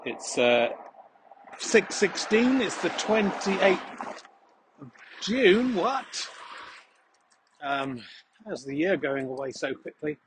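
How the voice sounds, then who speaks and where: A slightly high-voiced man talks his way along a country path, a little out of breath, rambling with dry, jokey asides. Faint outdoor noise sits behind his handheld recorder. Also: very animated, takes it slowly, pauses often. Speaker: podcast host. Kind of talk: casual walking monologue.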